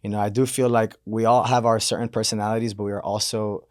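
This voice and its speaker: Man, 30s, from Miami. Low voice, dry close recording. Relaxed, rambling storyteller. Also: quick pace, dry recording. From Miami, Florida. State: banged up from hockey. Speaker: guest. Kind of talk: casual interview talk.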